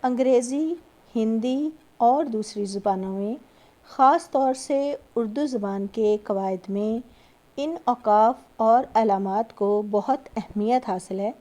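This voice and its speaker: Woman teacher, warm dark tone, recorded lecture, patient, repetitive. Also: on the high side. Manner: patient, repeats key points, frequent check-ins. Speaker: school teacher.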